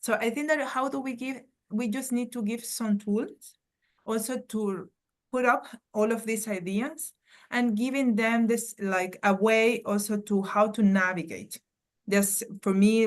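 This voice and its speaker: A Venezuelan woman with a Venezuelan Spanish accent and a medium-pitched voice appears as a guest academic on a panel. She answers earnestly, searching for her words as she goes.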